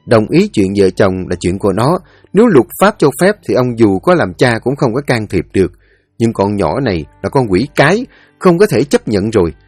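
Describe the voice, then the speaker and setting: A man tells a story with a lively, animated delivery. His voice is dry and close, with faint music running under it. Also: on the low side, normal speed, dry recording. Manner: expressive, dramatic. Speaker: narrator. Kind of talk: storytelling narration.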